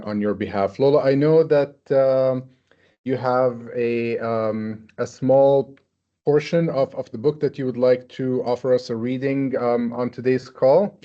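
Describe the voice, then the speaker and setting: A man moderates a webinar in a halting, careful way. His voice is mid-pitched and very mellow. The audio is a little dull, like a video call. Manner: hesitant, halting. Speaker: webinar host.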